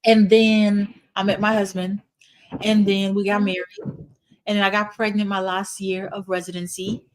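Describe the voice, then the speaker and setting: A woman's voice: medium pitch, level tone, normal speed, slight background noise. A middle-aged woman from Haiti, a hospital physician, answering interview questions in an earnest, explanatory way with frequent "you know"s. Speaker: guest, internal medicine hospitalist.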